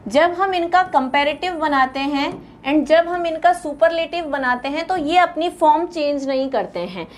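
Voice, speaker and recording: A woman with an Indian accent teaching English grammar in a patient classroom lecture, repeating word lists slowly and calling her students "beta". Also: sits high.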